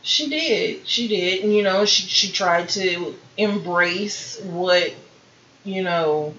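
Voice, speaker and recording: A woman's voice: on the low side, slow, slight background noise. Sassy woman in casual review chat. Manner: sassy, expressive, jokey asides. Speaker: co-host reviewing a TV competition show. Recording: dull, roomy home recording.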